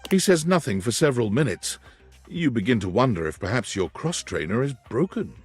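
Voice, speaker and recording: An actor giving measured, scripted narration for a game's scenes. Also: male voice, mid-range voice, very animated, over loud music, close to an everyday voice. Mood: calm. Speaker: game narrator.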